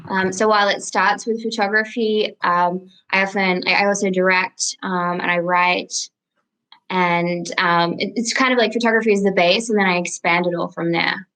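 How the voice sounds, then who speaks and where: A young adult woman from Australia with an Australian accent, chatting casually as a podcast guest, relaxed and full of ums and likes. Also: mid-range voice, normal speed, rough recording. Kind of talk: casual interview chat.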